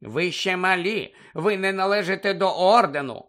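A man's voice: sits high, normal speed, fairly bright tone, pitched above the performer's own voice. A man voicing an indignant, mocking teenage boy. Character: cheeky teenage boy, angry.

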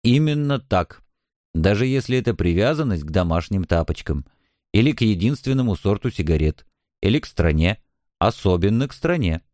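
A man reading a slow, preachy policeman. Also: on the low side, big pitch swings, darkish tone, no echo, studio quality. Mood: musing. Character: philosophizing male police officer, talkative.

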